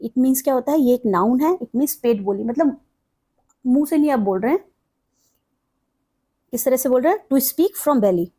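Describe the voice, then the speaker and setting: A woman teacher runs a vocabulary lesson, slowly spelling out English words and repeating them, then posing a question and answering it herself. Her voice is high and expressive, with a dark tone.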